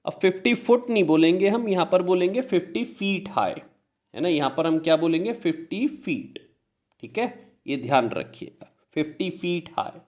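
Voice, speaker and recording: A man with an Indian English accent teaching a grammar lesson, explaining in Hindi, reading example sentences slowly and answering his own questions. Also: high voice, animated, a little mellow.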